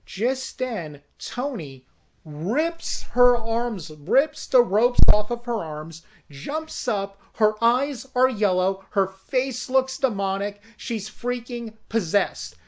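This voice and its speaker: A storyteller pitches a comic horror movie in a slow, deliberate way. The narration is dramatic, with a middle pitch, and builds tension as it goes. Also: animated.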